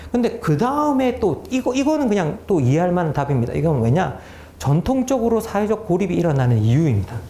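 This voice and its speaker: A man's voice: a little high, dark tone, reverberant, slight background noise. A man in his fifties giving a public lecture, explaining research findings and posing questions to the audience. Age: 50s. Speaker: lecturer, political philosopher. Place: lecture room.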